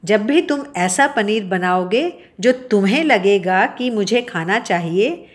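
A woman voicing a kind, gracious male king in a children's story, speaking gently and reassuringly. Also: medium pitch, expressive, takes it slowly. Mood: kindly.

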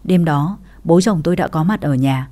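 A woman's voice: low-pitched, moderate pace, mellow. A woman narrating a family drama in the first person, in a dramatic storytelling manner.

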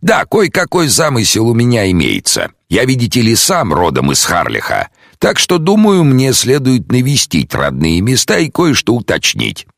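A man's voice: mid-range voice, huge pitch swings, normal speed, creaky, hardly any pauses, fairly bright tone, no room sound, voice pushed up, exaggerated voice. Audiobook casting: a man playing a well-mannered Victorian sleuth, raised voice, dry close sound. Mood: courteous. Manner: courteous, formal. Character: polite, composed male Victorian detective.

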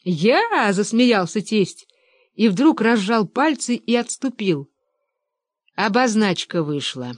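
A woman reading an audiobook aloud with expressive, unhurried storytelling. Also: medium pitch, dry recording. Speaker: audiobook reader. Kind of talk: audiobook narration.

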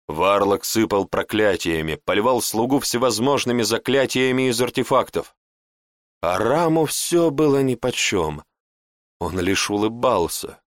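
Male audiobook narrator, deep voice, very slow, dry close sound. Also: no room sound. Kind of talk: scripted fantasy narration.

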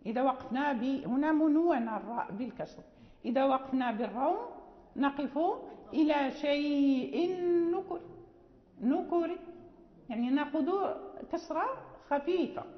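A woman teaching the rules of Quran recitation in an explanatory lesson. She often checks in with her listeners with a quick "hm?" and goes over each point slowly, one step at a time. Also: high-pitched. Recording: dull, echoey hall recording.

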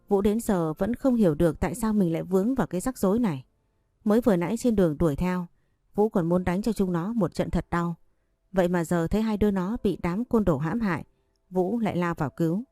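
A woman narrating a story in an audiobook with steady, even delivery. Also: fairly low pitch, no room sound.

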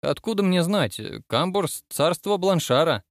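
An evasive ship radio operator, voiced by a male storyteller, pitched higher than the narration and defensive in tone. The voice is recorded close, with no room echo. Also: lively intonation, moderate pace.

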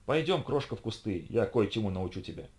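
A man voicing a brutish male robot who shouts and threatens. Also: lowish voice, animated, a little fast, lightly acted. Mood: eager. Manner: rough, yelling threats.

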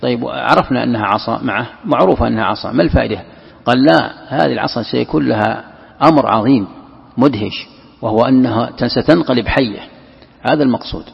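A man's voice: mid-range voice, quick pace, creaky, breathy edge. A man giving a scripture commentary lesson. He poses questions, answers them himself and repeats key phrases. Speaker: religious teacher. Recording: echoey hall, dull lo-fi sound.

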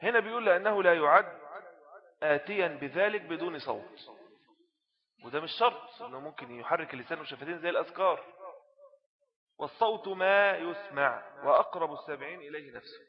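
A man's voice: on the high side, lively intonation, fairly quick, lo-fi sound. A man with an Egyptian accent teaching a religious jurisprudence lesson. He reads from a text and explains it in colloquial asides, often asking rhetorical questions. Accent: Egyptian Arabic.

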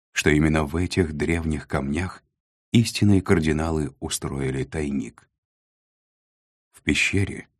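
Man, audiobook narrator, very deep voice, dry close sound, measured. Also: dry recording. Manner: measured, deliberate storytelling. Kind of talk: scripted narration.

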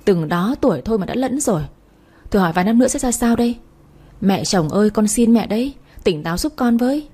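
A woman's voice: mid-range voice, lively intonation, a little fast, warm tone, slightly rough. A woman voicing an arrogant young married woman who scolds and screeches insults. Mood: indignant.

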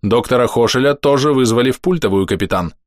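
A man's voice: mid-range voice, quick pace, dry recording, lightly acted. A man voicing an unflappable ship AI. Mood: composed. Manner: unflappable, formal. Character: calm male ship pseudo-AI.

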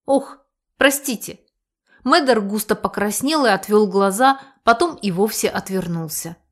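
A woman's voice: medium pitch, animated, moderate pace. Wry woman reading an audiobook. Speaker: audiobook narrator. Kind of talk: first-person audiobook narration.

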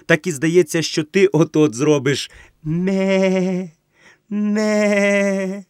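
A man reading an audiobook, voicing an exuberant tipsy friend who is effusive, coaxing and given to loud calling out. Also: high voice, fairly even intonation, very slow, clear, resonant tone, no echo, studio quality, voice pushed up. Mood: teasing. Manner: gushing, coaxing, calls out loudly. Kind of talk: audiobook character voice.

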